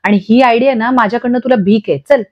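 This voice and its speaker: A woman's voice: fairly high pitch, fast, close to an everyday voice. A woman voicing an angry young man who answers with cutting, scornful comebacks. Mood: defiant. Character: defiant angry man, sharp-tongued and scornful. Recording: dull lo-fi audio.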